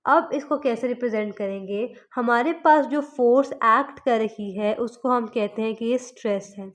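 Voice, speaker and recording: A woman physics teacher from Pakistan giving a lecture, explaining step by step and slowing down to spell out formulas. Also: fairly high pitch. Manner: explains step by step, mixing English terms into Urdu.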